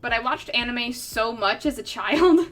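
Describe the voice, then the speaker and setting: In an unhurried, animated voice that's a little high and a bit bright, a young artist streamer rambles casually with her viewers. Fillers and laughter come often, and faint music plays underneath.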